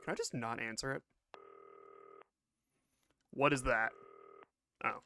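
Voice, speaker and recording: A man's voice: medium pitch, slow pace, bright, forceful tone, slight background noise. A man streaming a game, joking around casually and reading its narration aloud. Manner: joking, laid-back, reads narration aloud.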